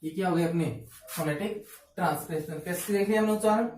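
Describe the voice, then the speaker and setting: A man teaches phonetics at the board, asking questions and answering them himself. His voice is mellow and sits back from the microphone. The room rings with echo, and faint room noise stays underneath. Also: high voice, fast. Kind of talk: blackboard phonetics lesson. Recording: roomy echo, mic far off.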